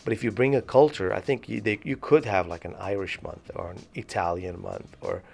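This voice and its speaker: A man from Morocco co-hosting a podcast, talking in a thoughtful, halting way with many restarts. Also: lowish voice, fairly even intonation, gravelly, darkish tone, slightly rough. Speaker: podcast co-host. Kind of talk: casual discussion.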